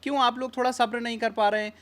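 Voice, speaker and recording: A woman's voice: a little high, flat delivery, quick pace. Woman reporter asking probing questions. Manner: probing, matter-of-fact questioning. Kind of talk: news interview questions.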